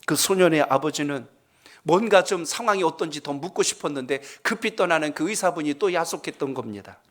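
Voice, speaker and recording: A man's voice: on the high side, animated, a little fast. A male pastor preaching a sermon, telling a story and speaking with emphasis.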